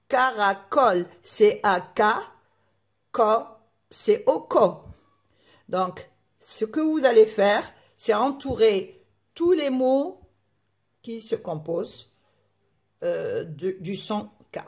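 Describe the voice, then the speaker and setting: A woman teaching a primary school phonics lesson, spelling out letters and sounds slowly and carefully. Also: medium pitch, animated, echoey room. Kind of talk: recorded classroom lesson.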